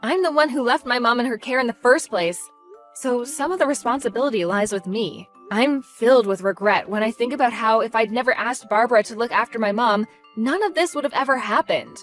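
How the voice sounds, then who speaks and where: A woman's voice: fairly high pitch, fairly quick, a bit bright, faint music behind. Firm, cold-voiced woman storyteller. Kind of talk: scripted story narration.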